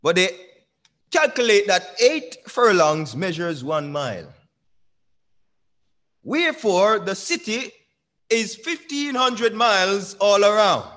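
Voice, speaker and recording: This young preacher's voice sits high, with a fairly bright tone, and he's very animated. He works the congregation with call-and-response and drawn-out key words, speaking into a pulpit microphone on a stand in a small church sanctuary.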